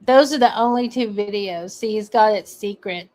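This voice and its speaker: An online commentator with a medium-pitched, darkish voice reacts casually at a moderate pace, reading comments aloud as she goes. Her commentary is sarcastic and full of swearing.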